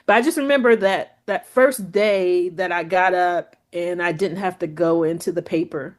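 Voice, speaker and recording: At a normal speed, this woman, a photographer appearing as an interview guest, recounts her own story in an easygoing, chatty way. "Like" and "you know" crop up constantly, and her pitch leaps up whenever she quotes someone.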